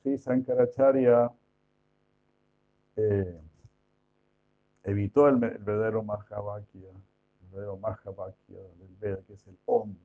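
A man's voice: fairly low pitch, steady tone, unhurried, long pauses. A man giving an informal devotional lecture, chatty, full of rhetorical questions and mock imitations. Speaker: devotional preacher. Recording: tinny phone-like sound.

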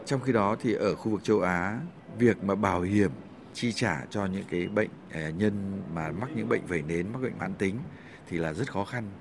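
A middle-aged man speaking as an association chairman in an interview, deliberate with small hesitations. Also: deep voice, creaky, noisy background. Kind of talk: interview answer. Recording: crowd audible behind.

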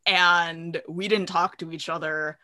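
A young woman in her twenties co-hosting a casual podcast chat, telling stories with laughter and animated quotes. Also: lowish voice, measured pace. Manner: laughing, storytelling, animated quoting. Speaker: podcast co-host.

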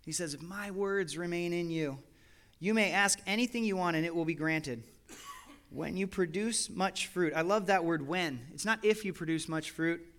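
Middle-aged male pastor, high bright voice, animated sermon storytelling. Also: moderate pace. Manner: animated storytelling, quotes his son and God in lively asides.

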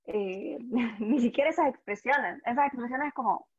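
A woman's voice: fairly high pitch, normal speed, breathy edge. A Salvadoran woman chatting casually as a guest, telling stories and acting out what people said. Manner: chatty, animated storytelling with quoted voices. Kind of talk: casual chat. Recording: dull lo-fi audio.

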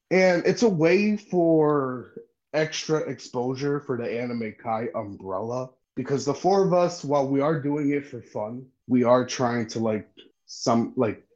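A man chatting as a podcast guest, friendly and halting, with lots of ums and restarts. His voice sits at a middle pitch, and the recording sounds a little dull and lo-fi. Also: lively intonation, a little mellow. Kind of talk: casual podcast chat.

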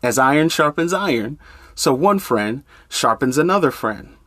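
A man's voice: mid-range voice, expressive, moderate pace, a bit bright, no echo, studio quality. A man preaching a sermon in a conversational, storytelling way.

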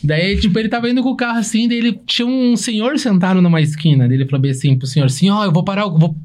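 A man in his forties tells an anecdote at a rapid clip. His voice sits high for a man, and he keeps slipping into the voices of the people he describes. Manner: animated storyteller, acts out quoted voices. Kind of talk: casual storytelling.

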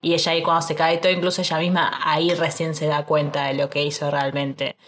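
An Argentine woman with a notably low voice retells events in loose, slangy speech. She leans on fillers and spoken asides as she goes, keeping the tone of a relaxed conversation. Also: fast, slight background noise. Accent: Argentine Spanish. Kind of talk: casual chat.

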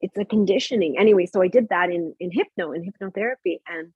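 A woman in her thirties telling a candid personal story in a podcast conversation, animated, acting out remembered dialogue. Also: fairly low pitch, fast talker, husky, no room sound, narrow, tinny audio. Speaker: podcast guest.

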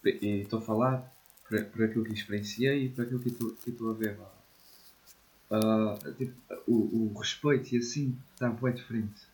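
A man's voice: fairly low pitch, fairly even intonation, moderate pace, darkish tone, low-quality recording. A man in his twenties with a European Portuguese accent, chatting casually and informally with slang and swearing as a podcast co-host. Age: 20s. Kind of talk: casual chat.

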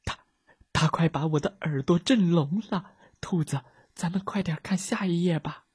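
A man's voice: high-pitched, a little slow, husky, voice pushed up. A man voicing a timid, easily frightened little chubby sidekick in a children's story, with shaky, panicky cries. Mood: whispering scared.

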